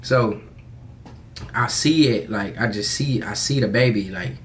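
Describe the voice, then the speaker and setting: A young American man telling a personal story in a casual confessional vlog, candid and halting, with slangy, profane phrasing. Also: on the low side, slight background noise. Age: young adult.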